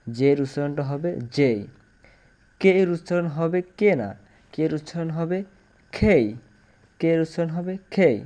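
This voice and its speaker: A man's voice: a little high, warm tone, clean tone. Man teaching with patient repetition. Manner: repeats each point slowly and firmly. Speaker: English teacher. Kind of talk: explanatory language lesson.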